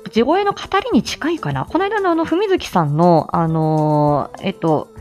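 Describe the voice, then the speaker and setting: Calm low-voiced woman chatting on stream. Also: measured pace, soft background music. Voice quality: calm, clear diction, low voice. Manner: chatty, frequent fillers, reads viewer comments. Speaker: streamer, voice reader. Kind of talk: casual livestream chat.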